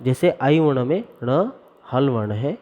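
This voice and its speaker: A man teaching Sanskrit grammar, reciting the formulas slowly and deliberately and explaining where each sound is made in the mouth. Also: mid-range voice, big pitch swings, mellow. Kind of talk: classroom lesson. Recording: dull lo-fi recording.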